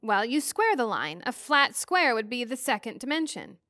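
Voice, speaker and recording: An unsure, easily frustrated young teenage girl, hesitant as she works things out, as a woman reads her aloud. The voice is fairly high and dry. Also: very animated, normal speed, pushed and bright, dry recording.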